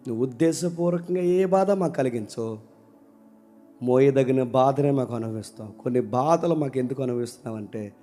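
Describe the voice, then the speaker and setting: A male pastor preaching a sermon who swings between loud outbursts and hushed asides and keeps asking the congregation questions. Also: medium pitch, brisk, soft background music. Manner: asks the congregation questions and calls for replies.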